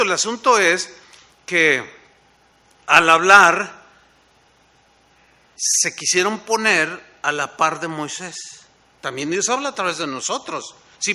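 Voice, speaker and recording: A male pastor preaching a sermon in a conversational way, often checking in with the congregation through quick rhetorical questions. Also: high-pitched, sharp tone.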